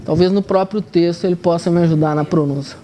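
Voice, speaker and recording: A woman with a Brazilian Portuguese accent presenting an academic conference paper, reading in a measured way with hesitant asides. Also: fairly low pitch, steady tone, warm tone. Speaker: university historian presenting a paper.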